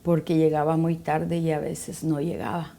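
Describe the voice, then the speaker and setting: A woman's voice: low-pitched, level tone, moderate pace, creaky, warm tone. A middle-aged woman giving a personal faith testimony as a guest, telling a story and acting out the dialogue.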